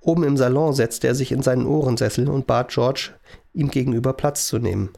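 Gravelly male storybook narrator. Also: medium pitch, fairly quick, dark tone. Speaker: audiobook narrator.

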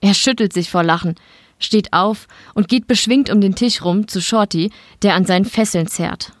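A woman narrating a short story in an audiobook style, steady and matter-of-fact. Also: medium pitch, normal speed, no echo, clean studio sound. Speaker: reader.

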